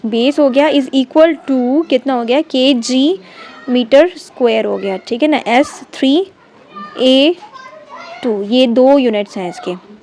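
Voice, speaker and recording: A woman teaching a chemistry class. She reads textbook lines slowly, then explains them quickly, often asking the class questions and checking they follow. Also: sits high, a little mellow, slight background noise. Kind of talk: classroom lecture.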